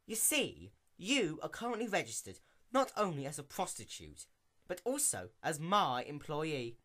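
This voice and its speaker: A man's voice: fairly high pitch, huge pitch swings, a little slow, fairly bright tone, voice pushed up, full character voice. A man voicing a dramatic, scheming young female pony princess in a hammy, theatrical storybook reading. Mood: sly, smug. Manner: hammy, theatrical stage delivery. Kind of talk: dramatic reading of fan fiction.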